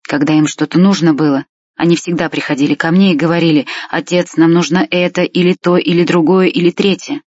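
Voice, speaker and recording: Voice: medium pitch, fairly even intonation, darkish tone, dry recording, natural voice. A reader doing a grieving old village man. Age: 60s. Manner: slow, sighing, heavy with grief. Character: sad old village man, tearful, gentle. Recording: dull lo-fi dry recording.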